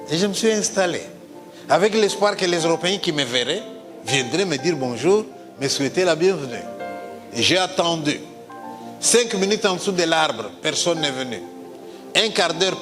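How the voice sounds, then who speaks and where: A middle-aged storyteller with a somewhat high voice, delivering a comic stage monologue in a lively, theatrical manner. His voice rings through a long, reverberant hall, with music clearly present behind him. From Congo.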